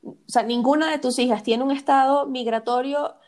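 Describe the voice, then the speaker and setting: A woman with a Venezuelan accent telling personal stories in casual chat, animated and frank. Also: high-pitched, moderate pace. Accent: Venezuelan Spanish. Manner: animated storyteller, many fillers and restarts.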